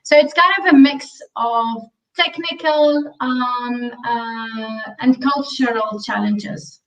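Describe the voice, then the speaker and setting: A woman from Syria, a podcast guest, speaking thoughtfully with many ums and pauses. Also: a little high, far from the mic, low-quality recording. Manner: thoughtful, many ums and uhs, self-questioning. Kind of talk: conversational interview.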